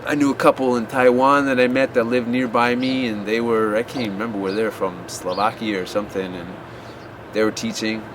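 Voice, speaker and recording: Amid outdoor street noise, an American vlogger who gives English teaching advice talks unscripted to the camera about teaching abroad. His medium-pitched, steady voice moves fairly quickly as he rambles offhandedly and often restarts with fillers.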